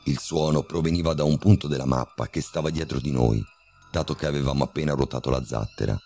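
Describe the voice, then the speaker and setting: A man with an extremely deep, gravelly voice reads a horror story in a measured, steady way. His tone is dark and mellow, with faint music behind him. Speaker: narrator. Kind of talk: scripted horror story narration.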